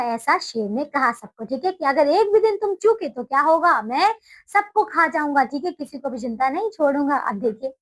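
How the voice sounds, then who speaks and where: High-voiced woman teaching a story to kids. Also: low-quality recording. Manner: explains words, repeats "ठीक है". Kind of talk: storybook lesson for children.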